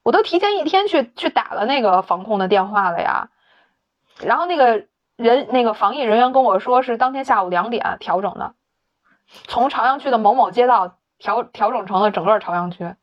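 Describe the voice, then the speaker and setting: A woman's voice: fairly high pitch, moderate pace, lo-fi sound. A woman telling a story in casual chat, laughing often, swearing casually and acting out the dialogue. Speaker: podcast co-host.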